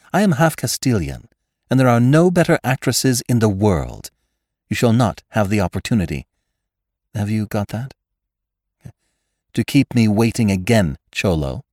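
A man's voice: medium pitch, a little mellow, no room sound, clean studio sound, voice pushed up, close to an everyday voice. A man reading aloud gives voice to a proud, imperious stage actress who gives orders in a haughty, commanding way.

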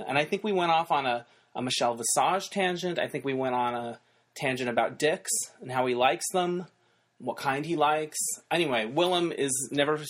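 Man, standard American accent, podcast host, medium pitch, casual and conversational. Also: a bit bright.

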